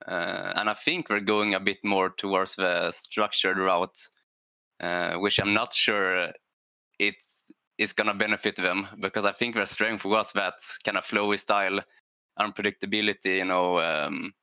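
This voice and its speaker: A man's voice: low-pitched, fairly even intonation, unhurried, bright, forceful tone, smooth, no room sound. A man who plays on a structured esports team, talking on a show panel in a thoughtful, hesitant way with many fillers and "right?" tags. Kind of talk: panel discussion on a gaming show.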